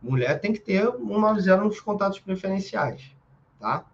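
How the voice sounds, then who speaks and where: A man's voice: sits high, expressive, moderate pace, creaky, muffled recording. Casual Brazilian man teaching self-defense. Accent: Brazilian Portuguese. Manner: casual and emphatic, with slang and frequent checks like "right?". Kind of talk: informal spoken lesson.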